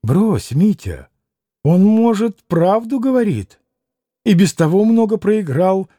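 A man voicing a spirited young woman who speaks in a sharp, commanding way. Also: high voice, sing-song, takes it slowly, dry recording, clean studio sound, pitched above the performer's own voice, heavily acted.

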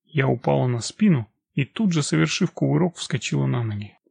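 A man reading a first-person action story as an audiobook narrator, steady and measured. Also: medium pitch, creaky, husky, no echo.

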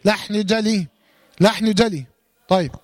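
A high-pitched man with an Egyptian Arabic accent teaches Quran recitation, firing questions at his students and answering them himself. He draws out his examples in slow, careful recitation. The sound is close and dry, with no room echo. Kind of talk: Egyptian colloquial tajweed lesson.

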